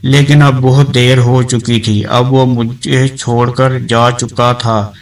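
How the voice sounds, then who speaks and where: A man narrating a dramatic story in a woman's first person, reading in an even, measured way. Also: medium pitch, far from the mic, low-quality recording.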